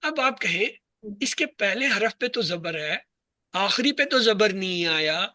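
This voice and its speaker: A man teaches Arabic grammar in a classroom lesson, walking through each example slowly and letter by letter. He keeps asking the class a question and then answering it himself. His voice is bright and forward, recorded close and dry with almost no room sound. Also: high voice, expressive, dry recording. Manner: slow, spelled-out listing of letters and words.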